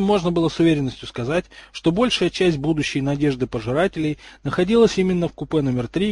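A man narrating a story aloud in a steady, slightly lively reading voice. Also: fairly high pitch, husky, no echo.

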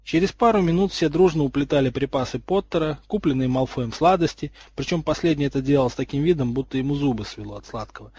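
A man narrating a story aloud in a steady, slightly lively reading voice. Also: a little high, quick pace, hardly any pauses, husky, dry recording.

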